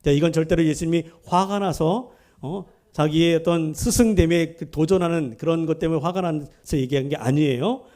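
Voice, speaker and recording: A male pastor delivers a sermon in a fairly high voice. He presses his points with emphasis and keeps asking the congregation questions. He answers those questions himself. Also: moderate pace, dark tone. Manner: emphatic, asks the listeners rhetorical questions; acts out quoted speech within the preaching.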